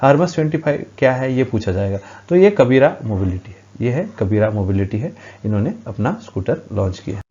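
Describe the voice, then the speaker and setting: A man's voice: medium pitch, expressive, fairly quick, warm tone, breathy edge, dull audio. A man teaching a current affairs lesson for exam preparation, reading quiz questions and explaining the answers at a board with frequent hesitations.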